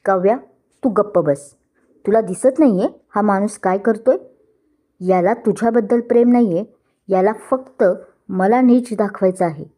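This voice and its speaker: A woman's voice: mid-range voice, normal speed, dark tone, natural voice. A woman voicing a jealous, hot-tempered young husband in a storybook reading, speaking in a raised, accusing voice. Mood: angry.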